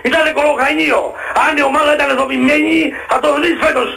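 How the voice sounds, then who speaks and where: A man calling in to a radio show, shouting angrily and repeating himself. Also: extremely high pitch, fairly even intonation, vocal fry. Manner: shouting, angry, repetitive. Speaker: radio caller. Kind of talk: heated call-in rant. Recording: tinny phone line.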